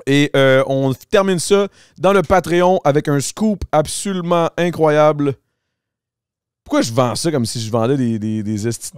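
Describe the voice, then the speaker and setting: Hyped Québécois podcast host, bright voice. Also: male voice, fairly high pitch, smooth, dry recording, studio quality. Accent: Québécois French. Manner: hyped, mixes English slang into French. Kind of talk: casual podcast chat.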